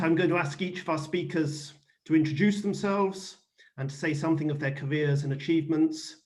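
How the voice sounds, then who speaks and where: Male host, middle-aged or older, moderately high voice, deliberate formal delivery for introducing speakers. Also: a little mellow. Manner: courteous, deliberate.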